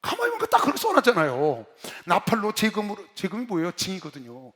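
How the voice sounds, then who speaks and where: A middle-aged man preaching an animated sermon, telling stories dramatically and swinging from loud shouts to hushed asides. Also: sits high, fast talker. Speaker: pastor. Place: large convention hall. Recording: reverberant hall.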